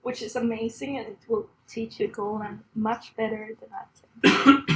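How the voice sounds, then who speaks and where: On a rough recording, a Swedish woman in her thirties with a fairly high voice talks at a moderate pace in a steady tone, her accent clear. Standing on a conference room stage, she delivers a chatty talk full of self-deprecation and frequent laughter.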